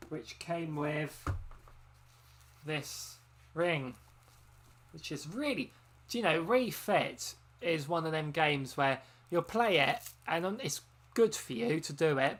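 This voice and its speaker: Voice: mid-range voice, fairly bright tone. Rambling game streamer, chatty. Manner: rambling, chatty, frequent ums and self-corrections. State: tired from long streaming. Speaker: game channel host. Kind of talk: casual live-stream chat.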